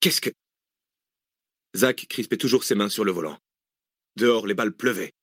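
A man reading a thriller audiobook in steady, measured narration. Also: fairly low pitch, dry recording, studio quality. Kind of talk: scripted narration.

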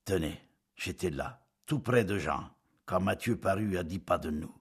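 A man voicing a tall, stooped, sickly Corsican villager who drawls his words in a flat monotone. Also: deep voice, a little slow, breathy edge, exaggerated voice. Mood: flat, matter-of-fact.

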